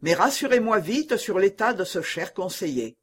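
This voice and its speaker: A man's voice: high-pitched, lively intonation, moderate pace, fairly bright tone, husky, pitched above the performer's own voice, heavily acted. A man doing an eager, gracious prince. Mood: solicitous. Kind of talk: audiobook novel reading.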